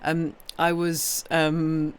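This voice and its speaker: Speaking in a low, totally flat voice with stretched-out words and a clean sound, this British-accented woman hosts and reads on a livestream. Her casual talk is playful and rambling, and she frequently cuts off her own sentences.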